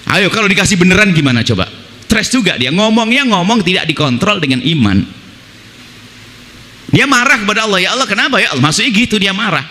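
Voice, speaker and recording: Male preacher, lively sermon delivery, bright voice, long hall reverb. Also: brisk. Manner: lively, swings between high emphatic lines and low mocking quoted prayers.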